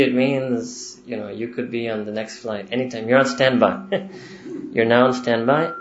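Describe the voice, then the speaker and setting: A man's voice: medium pitch, slight background noise. Man preaching in an echoey room. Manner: conversational, with rhetorical questions and chuckles. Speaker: religious teacher. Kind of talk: lecture-style sermon to young listeners. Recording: roomy, dull lo-fi recording.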